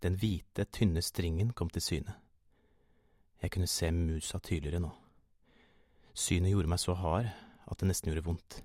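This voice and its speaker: A man narrating a first-person erotic story in a calm, measured way. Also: sits low, no room sound, studio quality.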